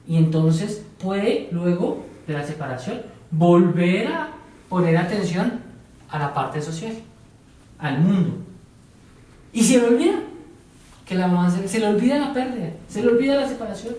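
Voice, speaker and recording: A man's voice: high-pitched, animated, moderate pace, dark tone. A man teaching a psychology class, asking his students questions and repeating their answers. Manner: tells examples step by step, now and then playing a teacher or patient. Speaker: psychology lecturer. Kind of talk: classroom lecture. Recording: very echoey room, voice from far off.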